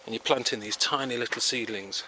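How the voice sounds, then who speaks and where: A man's voice: mid-range voice, fairly quick, pushed and bright, rough recording. A man giving a casual, chatty, rambling tour of his backyard vegetable garden, speaking outdoors into the camera he films with. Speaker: home gardener. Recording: outdoor noise behind the voice.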